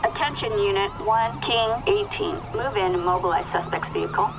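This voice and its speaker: An actress voicing a calm police dispatcher over the radio, reading out halting call-outs and phonetic codes in a measured way. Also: female voice, mid-range voice. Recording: muffled radio with loud siren noise.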